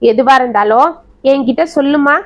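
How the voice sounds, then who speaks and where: A woman's voice: sits high, normal speed. A woman voicing a kind, protective old grandmother who coaxes and comforts a child. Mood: coaxing. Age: older. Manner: gentle, coaxing, worried.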